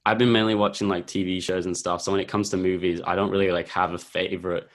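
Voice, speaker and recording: A man's voice: sits low, flat delivery, quick pace. A young man chatting casually about films, rambling with lots of filler words. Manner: rambling, laid-back, heavy use of filler words.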